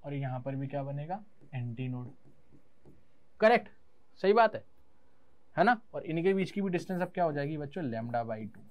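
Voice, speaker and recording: A man's voice: a little high, animated, moderate pace, pauses often. A young Indian man teaching physics in an online class. He mixes Hindi and English terms and answers his own questions in a student's voice.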